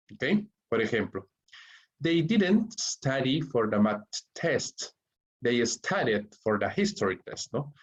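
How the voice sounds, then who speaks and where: A male English teacher explaining grammar rules to students, checking in constantly and slowing down on the English examples. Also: lowish voice, lo-fi sound. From Peru. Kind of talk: grammar lesson explained in Spanish.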